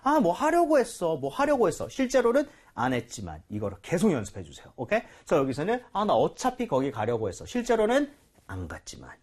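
Male English teacher, husky and very animated, patient quizzing style. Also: fairly high pitch, a little fast. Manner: patient, quizzing, explains and corrects. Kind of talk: English lesson with a student.

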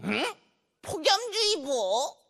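A woman's voice: very high-pitched, sing-song, slow, gravelly, a bit bright, heavily acted. A woman playing a whiny, inquisitive little brother in a children's cartoon, full of exclamations. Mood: puzzled, whiny. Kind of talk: children's educational cartoon acting.

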